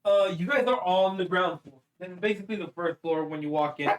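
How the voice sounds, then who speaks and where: A man's voice: high voice, brisk. Man, game master, tabletop game narration, casual, laughs often.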